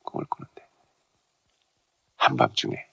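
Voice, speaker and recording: A middle-aged male pastor preaching a dawn sermon. He tells a story with lively emphasis and often drops to a hushed, near-whispered delivery. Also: unhurried, dull audio. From South Korea.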